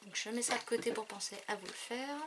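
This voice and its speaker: A woman's voice: a little high, fast talker. Woman, craft haul chat, lots of fillers, noisy recording. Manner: hesitant, many fillers, trailing off. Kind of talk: casual chat showing purchases.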